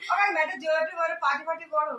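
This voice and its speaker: A woman's voice: extremely high pitch, steady tone, rapid-fire, muffled recording, a loud crowd. A woman chattering and joking with the older couple at home. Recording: echoey room, noisy.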